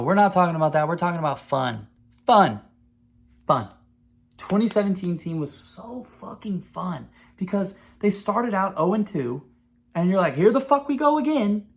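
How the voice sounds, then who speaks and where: A man in his twenties hosting a podcast, talking in a rambling, profane, excitable way in casual sports chat. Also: on the high side, creaky. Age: 20s. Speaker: podcast host.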